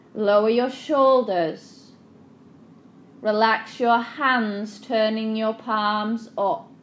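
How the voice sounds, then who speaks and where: A woman leading a guided relaxation meditation in a soothing, unhurried, instructional manner. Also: on the high side, fairly bright tone.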